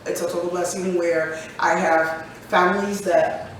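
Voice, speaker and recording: Here the same forties-aged American co-host sounds lowish, with fairly even intonation and an unhurried pace, still chatty, joking and laughing a lot. Slight background noise accompanies the distant, echoey recording.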